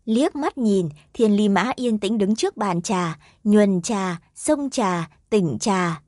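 A woman narrating a fantasy audiobook in a steady, even storytelling manner. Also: medium pitch, takes it slowly, no echo, studio quality.

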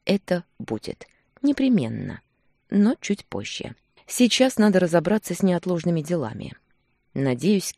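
A woman narrating an audiobook in an expressive first-person voice. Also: lowish voice, dry recording, studio quality. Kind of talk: scripted narration.

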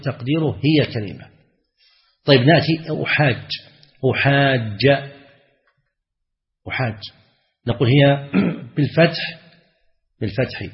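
Male teacher giving a lesson, checks the class with questions, muffled and echoey hall recording. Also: mid-range voice. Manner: repeats words slowly, asks the class questions. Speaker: sheikh teaching a religious text. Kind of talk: classroom lesson explaining grammar.

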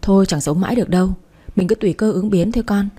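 A woman reading the part of a stern, scheming older mother-in-law who lectures and warns, in a dark, mellow voice. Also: medium pitch, racing, husky, lightly acted. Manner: lecturing, warning tone.

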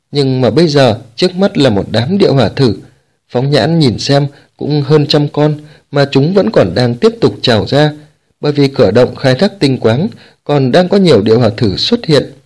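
Male audiobook narrator for a fantasy novel, steady and even-paced reading, rising briefly for shouted lines. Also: medium pitch.

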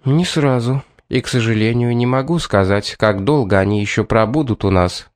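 A man voicing a composed, firm lady of the house who speaks in a measured way. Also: medium pitch, dry recording, studio quality, close to an everyday voice. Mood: grave.

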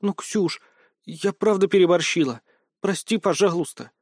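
A man voicing a small, feisty pigtailed female student who speaks in a shrill, heated way. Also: moderate pace, no room sound, studio quality. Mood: guilty.

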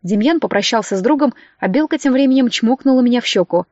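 A woman's voice: fairly high pitch, animated, fast, a little mellow, no echo, muffled recording. Woman reading a story aloud. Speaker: audiobook narrator. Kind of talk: audiobook reading with character voices.

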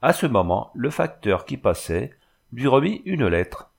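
A man narrating a classic short story in a measured, expressive audiobook reading. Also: mid-range voice, creaky.

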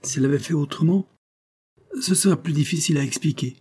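A man's voice: fairly high pitch, fast talker, a little mellow, slightly rough, pitched above the performer's own voice. A man playing a sly, teasing old notary. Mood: wry. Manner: wry, teasing, mock-official.

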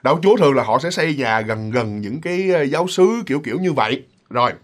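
A man's voice: medium pitch, animated, fast. A man telling a ghost story in a chatty, casual way, full of fillers and restarts. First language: Vietnamese.

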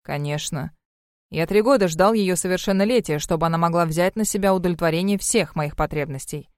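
Женщина читает реплики сурового начальника, духа хаоса, ровным холодным тоном. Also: female voice, on the low side, a little fast, dry recording, clean studio sound, lightly acted. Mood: cold. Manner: flat, curt, commanding. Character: cold, stern male chaos spirit boss. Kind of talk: audiobook reading.

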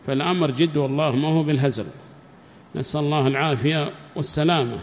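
A religious teacher with a higher-pitched voice gives a fast, emphatic lesson full of repeated phrases and rhetorical questions. The recording has a long reverb and faint background noise.

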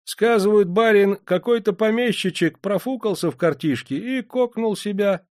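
A man's voice: sits high, moderate pace, darkish tone, no echo, clean studio sound, pitched above the performer's own voice, close to an everyday voice. Man putting on a bored little peasant gravedigger. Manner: bored, offhand.

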